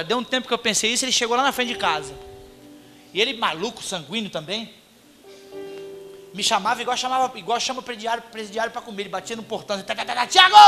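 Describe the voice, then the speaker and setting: Brazilian male pastor, high bright voice, comic animated sermon storyteller, light music underneath. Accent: Brazilian Portuguese. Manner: comic, animated, acts out shouted quotes. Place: church congregation hall.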